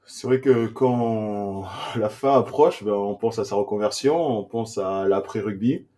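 Interview guest: man, 30s, from Burkina Faso, dark mellow tone, halting delivery. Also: lowish voice. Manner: hesitant, many "euh" fillers and restarts. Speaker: guest, former rugby player. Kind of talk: casual interview answers.

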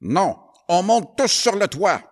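A man's voice: sits high, animated, unhurried, bright, forceful tone, voice pushed up, full character voice. A man voicing a stern religious brother in a storybook recording, commanding and insistent.

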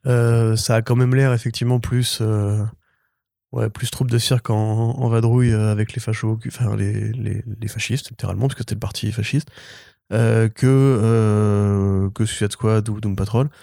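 Male co-host, gravelly warm voice, wry teasing podcast chat. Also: on the low side, fairly even intonation, normal speed, dry recording, studio quality. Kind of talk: casual film news chat.

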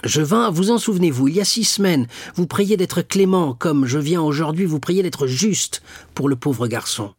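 A man's voice: a little high, lively intonation, normal speed, darkish tone, breathy edge, no echo, clean studio sound, pitched above the performer's own voice. Man voicing a frank, hearty shipowner. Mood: pleading. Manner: open, pleading, hearty. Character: frank, earnest older shipowner. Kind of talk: audiobook character reading.

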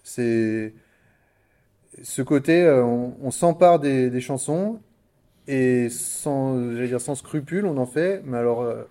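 A male interviewer with a medium-pitched, warm and mellow voice. He talks in a relaxed, casual way, often pausing on filler sounds. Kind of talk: radio interview.

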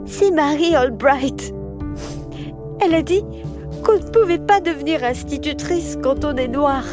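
A tearful little girl in a storybook reading, as a woman puts her on. She speaks very high and sobs through slow, drawn-out words, with faint music under the voice. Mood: tearful pleading. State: crying.

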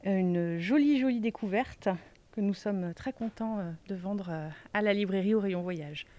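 A woman's voice: mid-range voice, moderate pace, warm tone. A woman bookseller recommending a map, speaking hesitantly with many fillers. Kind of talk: casual book recommendation.

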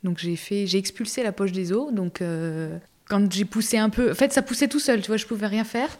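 A young woman giving a personal testimony as a podcast guest, talking casually with many fillers and restarts in a halting, emotional way. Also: mid-range voice, a little mellow.

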